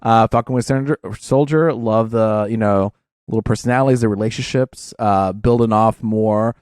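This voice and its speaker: A man's voice: fairly low pitch, moderate pace, a little mellow, dry recording, clean studio sound. A man hosting a podcast in casual chat, steering the rundown in an upbeat way. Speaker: podcast host.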